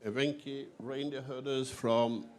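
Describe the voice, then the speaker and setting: A man's voice: mid-range voice, steady tone, measured pace. A man moderating a conference session, briefly and formally introducing the next speaker. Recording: voice distant from the mic.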